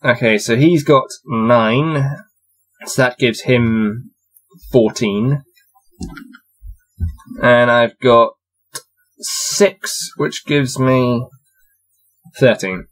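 The audio is poor as a man in his twenties reads a fantasy gamebook aloud very slowly, pausing often, in a mid-range, fairly bright voice. Sitting at his desk in a small cluttered room with shelves, he casually narrates his dice rolls with amused laughs.

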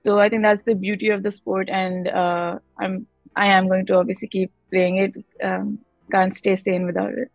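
A woman's voice: mid-range voice, little pitch movement, normal speed, creaky, no echo, highs cut off, soft background music. A young Pakistani-accented woman giving conversational interview answers as a guest player, switching between Hindi-Urdu and English mid-sentence. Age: young adult. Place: indoor room, on a video call.

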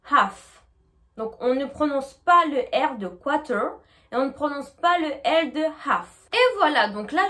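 A woman teaching a lesson, patient and clear, slowly modeling English pronunciation. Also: high voice, a bit bright. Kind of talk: explanatory lesson.

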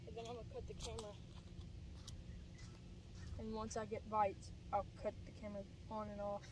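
By a pond, a young teen boy narrates his fishing vlog in a high-pitched male voice, completely flat and a little fast, chatty and plain as he explains things. The handheld camera mic picks up outdoor noise, and his distance from it shifts.

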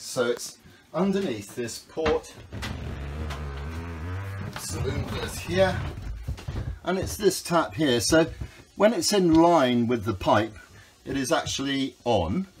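Casually strolling through a small sailing yacht, first outdoors and then down in the cabin, a fifty-something skipper explains each step in a mid-range voice. It's a friendly, practical boat tour from a sailing school instructor, shot on a handheld phone.

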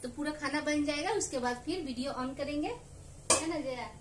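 High-voiced Bengali-accented woman cooking at home. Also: normal speed, noisy background. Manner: chatty, homely, with slight slips in Hindi. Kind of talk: casual cooking vlog narration. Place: home kitchen.

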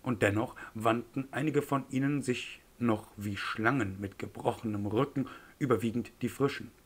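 A man narrating an audiobook in a measured storytelling delivery. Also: medium pitch, breathy edge.

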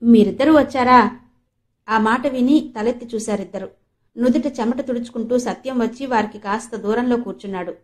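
A woman from Andhra Pradesh reads a novel aloud as narrator, with steady storytelling. Her voice sits a bit high for a woman. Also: a little fast. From Andhra Pradesh, India. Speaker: audiobook narrator. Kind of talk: novel reading.

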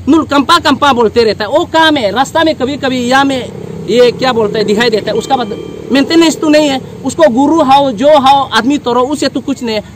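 A man's voice: very high voice, a bit bright, a little hiss or hum. A village council leader speaking emphatically at an outdoor press briefing, pressing his appeal with rising force.

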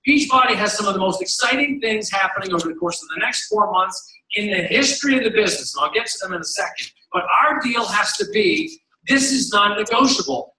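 Speaking on stage in a big hall, a middle-aged executive rallies an audience of coaches, hammering his slogan and doing voices for the characters in his anecdotes. His tone is pushed, bright and high. The sound bounces around the room, and his voice seems distant.

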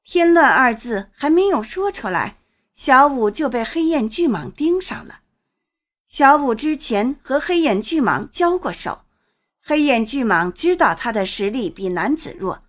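High, lively woman storyteller. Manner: lively storytelling, swings pitch with the action. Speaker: audiobook narrator. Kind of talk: serialized storybook narration.

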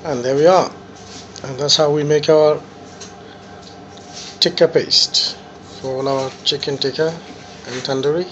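Male cooking host, slightly high voice, clipped ingredient call-outs, noisy kitchen behind. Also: steady tone, unhurried, pauses often, muffled recording. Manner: names each ingredient in short phrases. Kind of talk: casual cooking narration. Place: restaurant kitchen.

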